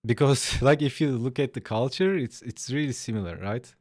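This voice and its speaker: A young man streaming his drawing session, chatting casually and answering viewers in a relaxed, easygoing way. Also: medium pitch, moderate pace, no room sound, clean studio sound. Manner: laid-back, chatty, answers chat aloud. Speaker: art streamer. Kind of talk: casual livestream chat while drawing.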